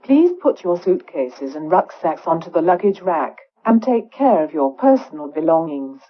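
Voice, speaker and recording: A woman reading slow, careful, formal bus announcements played over a PA system. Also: sits low, big pitch swings. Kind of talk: scripted public announcement. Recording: dull lo-fi PA playback.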